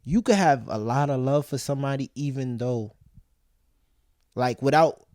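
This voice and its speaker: Calm reflective man, dry sound. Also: medium pitch, moderate pace, no room sound. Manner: reflective, thinks aloud with restarts and "you get what I'm saying". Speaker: podcast co-host. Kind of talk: casual chat.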